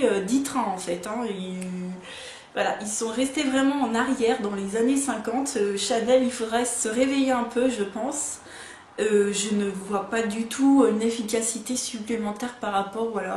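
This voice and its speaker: A woman's voice: fairly high pitch, a little mellow. Chatty woman in her thirties, echoey room. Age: 30s. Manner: chatty, frank, many fillers and restarts. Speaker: beauty vlogger. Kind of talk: casual product review. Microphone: camera mic. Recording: echoey room with faint ambient noise.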